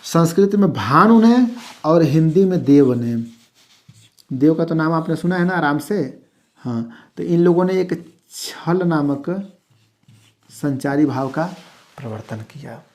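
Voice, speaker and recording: A man from India teaching an exam-prep lesson, who keeps asking whether the class follows and reads lists of terms slowly and clearly. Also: a little high, lively intonation, a little mellow. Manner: repeats "ठीक ना?" to check the class, stresses each term. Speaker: Hindi teacher.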